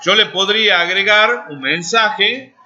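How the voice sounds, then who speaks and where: Speaking a little slowly in a high-pitched, sharp voice, a man in his 40s leads a live programming lesson. As he types he keeps talking and asks students questions to confirm they understand, and the audio is dull and lo-fi from the classroom.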